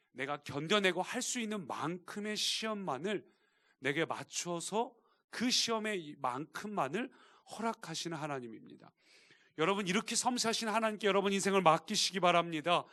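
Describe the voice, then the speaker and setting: Guy pastor preaching in church, kinda high voice, goes soft then pushes hard on his points. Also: lively intonation, normal speed. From Korea. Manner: preaching with emphatic rising appeals to the congregation. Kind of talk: sermon. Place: church sanctuary.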